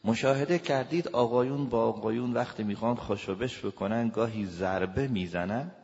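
A man lecturing as a family counselor, talking in a lively way and acting out little dialogues with raised voices. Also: medium pitch, vocal fry. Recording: dull lo-fi recording with long reverb.

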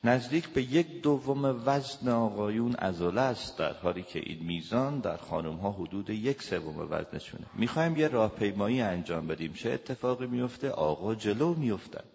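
Man, family counselor, lecture, fairly low voice, acts out dialogues, long hall reverb. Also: vocal fry, hardly any pauses. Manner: lively, acts out little dialogues with shouted voices. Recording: dull lo-fi recording with long reverb.

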